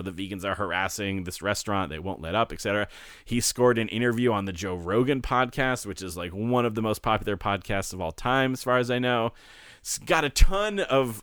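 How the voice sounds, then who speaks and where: A man co-hosting a laid-back podcast, speaking into a studio microphone. His voice sits low and sounds smooth and resonant. He rambles easily and laughs often, in a dry, close room. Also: fairly bright tone, dry recording. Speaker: podcast co-host. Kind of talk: casual podcast chat.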